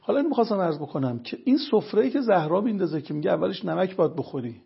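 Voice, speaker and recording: A fairly high-voiced man with a gravelly, deeply raspy tone explains his points one after another as an invited lecturer. He talks in an earnest, storytelling way. The sound is dull and lo-fi, like an old broadcast. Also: lively intonation. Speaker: religious health lecturer guest.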